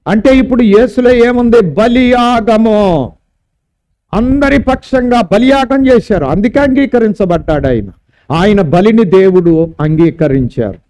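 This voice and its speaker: A man's voice: high-pitched, unhurried, dark tone. A man preaching a sermon at a church service, emphatic and drawing out key words. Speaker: pastor.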